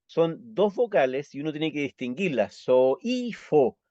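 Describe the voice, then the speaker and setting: A man's voice: on the high side, very animated, mellow, no room sound. Chilean male teacher, patient explainer, muffled dry recording. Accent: Chilean Spanish. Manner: patient, checks understanding with quick tag questions. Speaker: Esperanto teacher. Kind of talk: explanatory lesson with slides.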